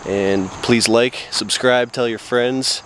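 A man's voice: medium pitch, fairly even intonation, takes it slowly, fairly bright tone. A young man walking an overgrown empty lot, talking casually to a handheld camera with loose, rambling "like" fillers. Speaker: vlogger exploring abandoned sites. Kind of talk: casual walk-and-talk narration. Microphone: handheld camera at arm's length. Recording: outdoor camera audio with clear insect noise. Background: insects and distant traffic outdoors.

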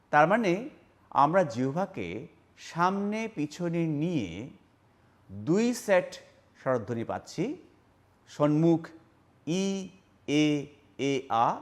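A man giving a spoken lecture on phonetics, sounding out vowel examples and speaking straight to the viewer. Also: medium pitch. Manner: demonstrates vowel sounds aloud, addresses viewers directly. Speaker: linguistics lecturer.

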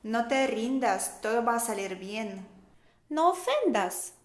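A woman teaching a language lesson, slowly repeating each phrase for learners to copy. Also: fairly high pitch.

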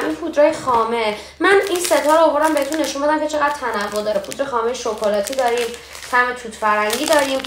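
A woman's voice: high voice, a bit bright. Young woman, cooking show host, casual step-by-step chat, echoey kitchen, faint hum. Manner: chatty, explains step by step. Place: home kitchen.

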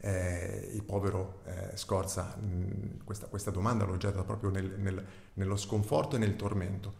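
Low gravelly man presenting his book. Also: little pitch movement, moderate pace, a little mellow. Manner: hesitant, many filler sounds. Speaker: author. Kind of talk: presenting and reading his novel. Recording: roomy echo.

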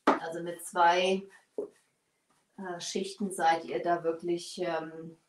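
Hosting a live furniture painting tutorial, a woman in her forties speaks slowly in a fairly low, level voice, chatting while leaning over her bench. The indoor workshop studio is small and echoey, and a distant camera with no mic seen records her from afar, off-mic.

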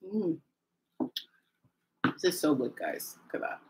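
Woman on a home live stream, kinda low voice, chatty and laughing a lot, faint hiss. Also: huge pitch swings, slow. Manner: chatty, addresses viewers directly, laughs often. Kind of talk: casual live-stream chat. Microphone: phone or camera mic on a live stream.

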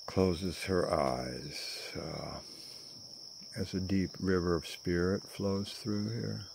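An older man improvising a story, rambling and pausing with many fillers, recorded close on a phone camera outdoors in a garden. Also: sits low, gravelly, noisy background.

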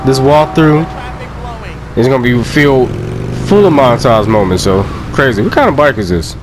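A young man giving loud, profane, joking let's play commentary and laughing often. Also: medium pitch, normal speed, background noise. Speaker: gameplay commentator.

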